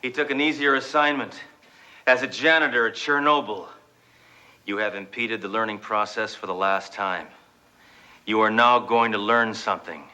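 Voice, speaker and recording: An American actor playing a tough, cocky police detective in a TV comedy, sneering out insults with a deadpan manner. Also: male voice, fairly low pitch, normal speed. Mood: commanding, mocking. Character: tough, cocky, trigger-happy male police detective posing as substitute teacher. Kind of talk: deadpan sitcom acting.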